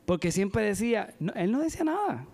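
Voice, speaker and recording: Male preacher, fairly high, soft mellow tone, chatty storytelling sermon with frequent asides to the congregation. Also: big pitch swings, a little fast. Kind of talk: sermon with personal stories. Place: church.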